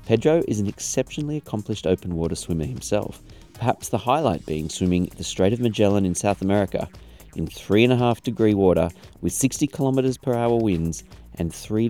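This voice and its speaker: A man hosts a podcast and reads a scripted introduction at a measured pace. His voice is low and mellow. Faint music plays behind him. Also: animated. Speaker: podcast host.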